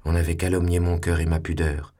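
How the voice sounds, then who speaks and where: A man giving a measured, theatrical literary reading. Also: sits low, little pitch movement, mellow.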